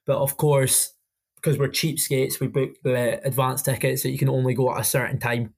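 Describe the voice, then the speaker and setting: A young adult man with a Scottish Highland accent, chatting casually about sport in a colloquial, matey storytelling way as a podcast co-host. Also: flat delivery, moderate pace, vocal fry, breathy edge. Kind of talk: casual football chat.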